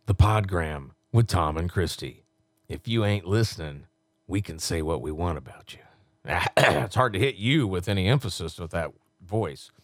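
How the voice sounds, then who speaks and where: A man recording radio station promos in a deep announcer read, joking and laughing between takes. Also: lively intonation, moderate pace, no echo. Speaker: radio voice-over talent recording station liners.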